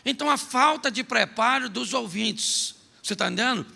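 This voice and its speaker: High gravelly Brazilian preacher. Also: male voice, expressive, moderate pace, bright, forceful tone. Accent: Brazilian Portuguese. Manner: humorous, teasing, talks straight to the congregation. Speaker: pastor. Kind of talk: sermon. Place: large church hall. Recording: echoey church hall.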